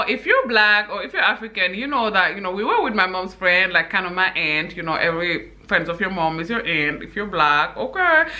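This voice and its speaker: A young woman who grew up in Senegal chats to her viewers in an animated vlog. Her voice is bright and forward, and she keeps turning to the audience with asides. She has an easy storytelling manner. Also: mid-range voice. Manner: animated, addresses viewers as "you guys", frequent laughs and asides. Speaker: YouTuber. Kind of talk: casual chatty vlog storytelling.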